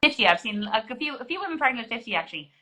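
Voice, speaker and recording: Woman GP, forties, clear bright delivery, talks things through with fillers and restarts. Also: on the high side, big pitch swings, racing, poor audio. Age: 40s. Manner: explanatory, frequent restarts and fillers. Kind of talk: conversational interview answers.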